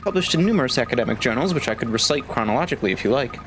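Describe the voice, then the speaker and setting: A man voicing an eager, cheerful young woman assistant from a video game, talking in a chirpy, excitable way. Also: medium pitch, rapid-fire, noisy background, natural voice.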